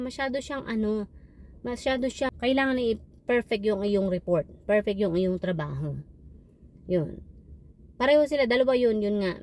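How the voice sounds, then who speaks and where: A woman vlogger who works as a patient care technician, retelling frustrating hospital shifts in an animated, exasperated way. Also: mid-range voice. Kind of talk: casual storytelling vlog.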